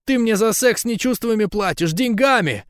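A man voicing a shrill jealous young woman. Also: animated, moderate pace, smooth, no room sound, studio quality. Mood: tearful, pleading. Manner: shrill, accusing, breaking into shouts. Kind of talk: audiobook dialogue.

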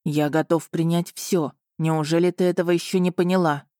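A woman's voice: fairly low pitch, fairly even intonation, mellow, dry recording, clean studio sound, natural voice. A woman voicing a stern young duke. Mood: possessive. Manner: curt, clipped, slow and menacing. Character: brooding young male duke, stern and suspicious. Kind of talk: audiobook character reading.

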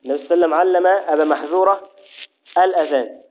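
A man teaching a classroom lesson on Islamic law, repeating key phrases slowly and asking and answering his own questions. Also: a little high. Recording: tinny phone-like audio.

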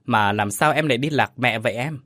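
A man's voice: mid-range voice, a little fast, sharp tone, dry recording, studio quality. A man voicing a curious, easily startled young man in a ghost story, asking nervous questions. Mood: questioning.

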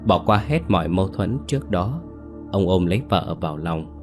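A man narrating a dramatic story in a steady, measured reading. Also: low-pitched. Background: faint music.

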